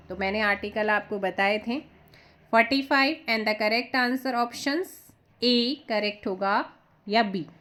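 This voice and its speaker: Woman coach, somewhat high pitch, drills answers by asking and repeating. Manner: repeats answers with quick rhetorical checks. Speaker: exam coaching teacher. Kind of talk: quiz-answer lesson.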